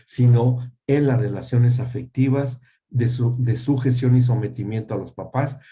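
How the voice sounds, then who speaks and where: A man's voice: mid-range voice, moderate pace, dark tone. An older man giving a church teaching talk on family, repeating key words for emphasis and checking that listeners agree. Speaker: family ministry speaker. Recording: dull lo-fi sound.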